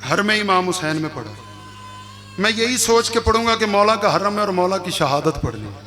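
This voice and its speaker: A man with a Punjabi accent reciting a majlis to a village mourning gathering, moving from soft narration to shouted, sung lament. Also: high-pitched, very animated, moderate pace, soft background music. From Pakistan. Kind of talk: impassioned religious majlis oration.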